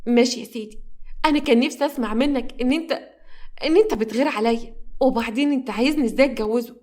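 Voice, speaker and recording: An unhappy young Egyptian wife, reproachful and raised in pitch, as a woman storyteller puts her on. She fires off her complaints quickly. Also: a little mellow, close to an everyday voice. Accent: Egyptian Arabic. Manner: reproachful and upset.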